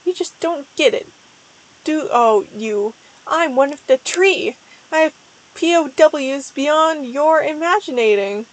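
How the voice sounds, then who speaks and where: A woman's voice: sits high, animated, slow, low-quality recording. A woman voicing an evil female cat villain who cackles and gloats. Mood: gloating.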